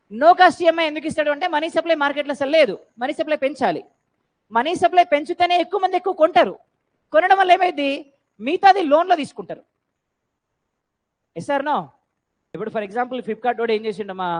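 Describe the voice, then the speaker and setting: High-voiced teacher quizzing a class. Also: female voice, fast, pauses often, poor audio. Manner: quizzing, prompting students to answer loudly. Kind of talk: classroom lecture.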